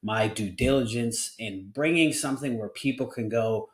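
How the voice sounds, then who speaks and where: A man's voice: mid-range voice, moderate pace, roomy sound. Earnest forty-year-old podcast host, a man. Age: 40s. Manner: candid and earnest, with frequent restarts. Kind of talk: casual podcast conversation.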